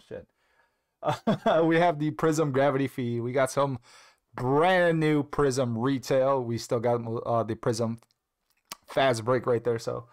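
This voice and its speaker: A man hosting a trading-card break livestream, talking in an upbeat, joking way with casual swearing, slightly out of breath. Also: mid-range voice. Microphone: earpiece in, on stream.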